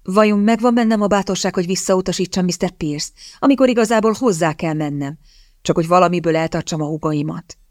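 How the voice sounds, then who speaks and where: A woman's voice: on the low side, darkish tone, no room sound, studio quality, natural voice. A woman reading a scheming young woman, coyly desperate. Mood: pleading. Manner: feigned desperation, coy and theatrical. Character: scheming young woman seeking a rich husband. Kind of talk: audiobook character reading.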